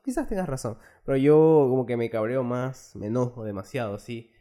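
A young man speaking, relaxed and slangy as a podcast co-host. He talks easily and drops street words into his speech. His pitch sits in the everyday middle range. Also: brisk. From Guayaquil, Ecuador. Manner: laid-back, slangy, says "loco" often. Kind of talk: casual chat.

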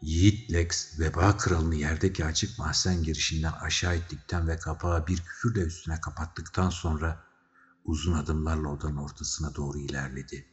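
A man's voice: very deep voice, flat delivery, moderate pace. A man narrating a story as a scripted audiobook reading, dramatic in delivery. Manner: dramatic storytelling, shouting characters' cries. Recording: slightly dull recording with faint music.

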